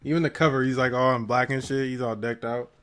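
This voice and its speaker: A man co-hosting a casual music review show, talking in an animated way that swings between loud hype and quiet mumbled asides. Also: medium pitch, quick pace, clear, resonant tone. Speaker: co-host of album review show.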